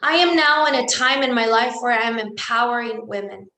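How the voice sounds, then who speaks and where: In an echoey room, a Salvadoran woman whose native tongue is Spanish gives an earnest inspirational talk, repeating words for emphasis. Her voice is fairly high, brisk and sharp.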